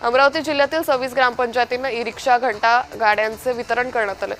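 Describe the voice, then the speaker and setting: A woman reading a fast news bulletin as anchor, in a brisk, even headline delivery. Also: fairly high pitch, faint music behind. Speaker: news reader.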